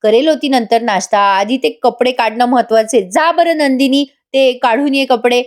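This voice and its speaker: A woman voicing a shrewd middle-aged mother from a TV serial, brisk and bossy with a sly, teasing edge. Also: on the high side, natural voice.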